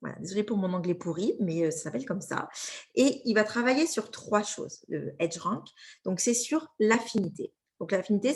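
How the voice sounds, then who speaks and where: A woman with a French accent giving an informal training talk, chatty, with many fillers and frequent check-in questions to her listeners. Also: mid-range voice. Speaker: social media trainer.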